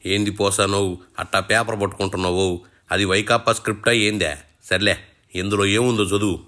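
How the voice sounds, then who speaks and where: A man's voice: fairly low pitch, level tone, brisk, pushed and bright. A man hosting a satirical show, teasing and mocking his guest in rustic colloquial speech. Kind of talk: mock interview banter.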